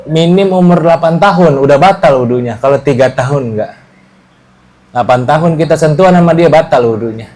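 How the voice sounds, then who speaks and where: A man teaching a casual religious study lesson to a small group, explaining in a relaxed way and often checking that the class follows. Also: a little high, a little fast.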